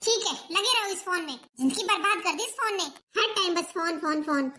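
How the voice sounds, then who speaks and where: A young wife in a home drama skit, voiced by a woman complains and reproaches her idle husband. The voice is bright and very high. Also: animated, fairly quick, heavily acted. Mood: reproachful. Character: young wife, elder daughter-in-law, hurt and complaining.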